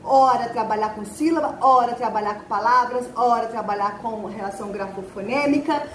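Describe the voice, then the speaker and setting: A woman's voice: fairly high pitch, moderate pace, fairly bright tone, reverberant, slight background noise, low-quality recording. A woman who trains literacy teachers, speaking earnestly in an online teaching video and stretching out syllables when she demonstrates them.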